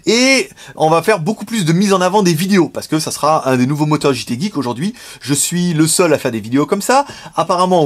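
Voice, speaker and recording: A man talking straight to the camera in a casual update, frank and slangy, chuckling often. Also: high-pitched. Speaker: vlogger and shop owner. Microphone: camera facing speaker.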